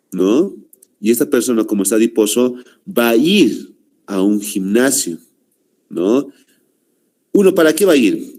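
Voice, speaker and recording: A man with a Bolivian Spanish accent lecturing a class, halting with fillers and constant "¿no?" tags. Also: lowish voice, warm tone. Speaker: teacher.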